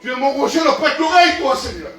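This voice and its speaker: An older man, a pastor, preaching emphatically with repeated questions and bursts of shouting. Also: extremely high pitch, sing-song, fast talker, soft background music. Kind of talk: sermon. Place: large echoey hall. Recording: very echoey hall, voice from a distance.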